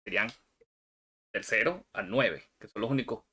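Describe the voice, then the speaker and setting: A man teaching a software screencast, talking viewers through each step and checking in with "ok?" as he goes. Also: lowish voice, expressive, normal speed, husky. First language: Spanish. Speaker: instructor.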